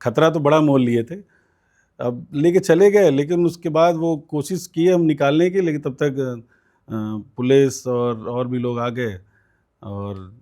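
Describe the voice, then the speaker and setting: As an interview guest, a man who is a student politician recounts events at length in a conversational way, full of fillers and quoted voices. His dark-toned voice is on the high side and slow.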